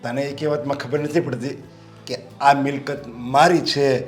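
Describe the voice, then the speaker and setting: An actor playing a stubborn, hoarse father in a film who lectures firmly. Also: medium pitch, fairly even intonation, a little slow, natural voice. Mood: stern. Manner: firm and lecturing, repeats "samajya?". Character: stubborn father guarding his property. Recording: film soundtrack with faint music.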